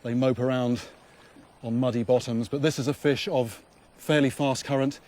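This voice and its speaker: A man's voice: mid-range voice, steady tone, moderate pace, a little mellow. A man presenting a wildlife show outdoors at a river, explaining and musing aloud, repeating phrases for emphasis. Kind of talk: unscripted on-location presenting to camera. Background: music.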